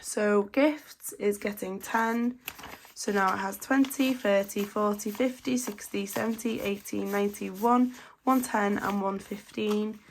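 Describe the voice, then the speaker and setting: In a low-quality recording with a little hiss or hum, a budgeting vlogger in her 20s counts notes aloud at a steady, measured pace. She chats casually, her mid-range voice slightly stuffy from a cold.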